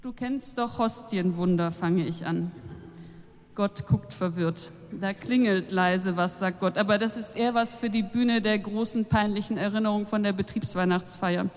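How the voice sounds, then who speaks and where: A woman reading her own first-person story aloud in a dry, deadpan manner, heard in a long hall reverb. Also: medium pitch, normal speed. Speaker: reader.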